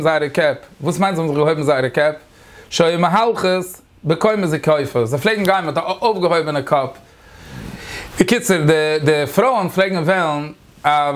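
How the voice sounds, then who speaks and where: A man, a rabbi, giving a Talmud lecture, explaining step by step, repeating phrases and asking rhetorical questions, with English words mixed in. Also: sits high.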